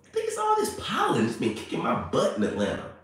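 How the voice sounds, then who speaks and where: A lively man with a medium pitch and quick pace hosts a phone livestream, a little hoarse and congested as he chats animatedly and playfully with viewers. He's in a small, bright indoor room that sounds very echoey, with the phone held at arm's length.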